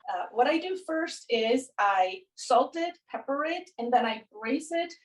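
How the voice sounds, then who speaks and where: A middle-aged woman from the Czech Republic giving a cooking demonstration in her home kitchen on a phone camera, explaining in a relaxed way while she works. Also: on the high side, rough recording. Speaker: cooking instructor.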